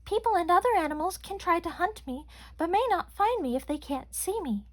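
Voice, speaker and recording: A woman voicing a gentle female snowshoe bunny who explains things kindly in a storybook. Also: very high voice, expressive, brisk, pitched above the performer's own voice.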